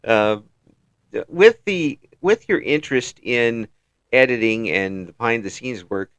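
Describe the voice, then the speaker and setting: A man's voice: mid-range voice, lively intonation, slow pace, fairly bright tone, clean tone, no room sound. A man hosting a casual interview, chuckling often and repeating words as he frames his questions. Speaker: interview host.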